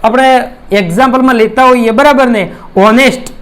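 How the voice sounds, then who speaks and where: High-pitched Gujarati-accented man teaching. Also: moderate pace. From India. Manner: keeps asking "right?" to check understanding; addresses students as friends, explains patiently with examples. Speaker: English grammar teacher. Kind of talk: classroom grammar lesson.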